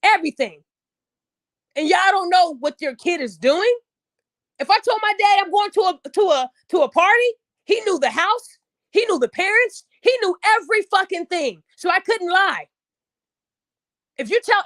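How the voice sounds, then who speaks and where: A woman's voice: very high-pitched, lively intonation, moderate pace, a bit bright, no echo, clean studio sound. A woman hosting a podcast, ranting bluntly and angrily with heavy profanity and emphatic stresses. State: upset. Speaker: podcast host. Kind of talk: angry opinion rant.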